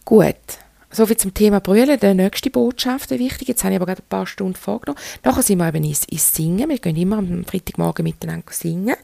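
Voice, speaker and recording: A woman's voice: mid-range voice, fast, vocal fry, warm tone, no echo. A woman in her thirties with a Swiss German accent, hosting a frank, chatty solo podcast and talking straight to her listeners. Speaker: podcast host. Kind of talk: candid solo podcast monologue.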